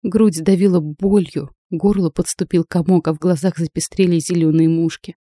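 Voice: mid-range voice, fairly even intonation, normal speed, warm tone, no echo. An audiobook narrator reading a first-person fantasy novel expressively, voicing a proud young heroine, in a dry close recording.

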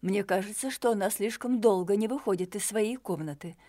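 Give me a woman reading a determined detective in an audiobook, insistent and measured. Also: medium pitch, dark tone, lightly acted.

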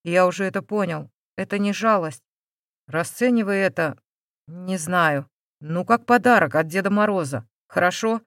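A woman reading a calm, caring man in his thirties in an audiobook, lowering her voice and speaking gently and reassuringly. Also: moderate pace, no room sound, studio quality, close to an everyday voice. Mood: gentle. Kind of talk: audiobook character voice.

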